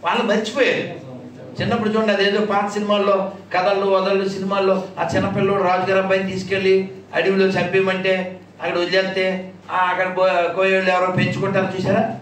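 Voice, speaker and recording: A man's voice: sits high, monotone, fairly quick. A man giving a religious discourse, combative and mocking, breaking into sung verses. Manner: combative, mocking asides, sings Sanskrit verses. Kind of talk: discourse to an audience with chanted verses. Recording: echoey hall heard from a distance.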